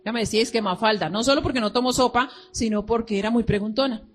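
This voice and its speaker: A middle-aged woman pastor with a Colombian accent preaching a sermon, telling stories and acting out dialogue with lively emphasis. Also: a little high, quick pace. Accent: Colombian Spanish. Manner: animated storytelling, quoting dialogue with rising emphasis.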